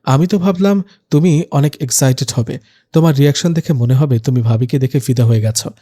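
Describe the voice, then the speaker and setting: A man's voice: medium pitch, close to an everyday voice. A man voicing a talkative teenage younger sister who gushes, teases and takes offence easily in a spoken storybook. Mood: gushing. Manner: excited, gushing, quick to take offence.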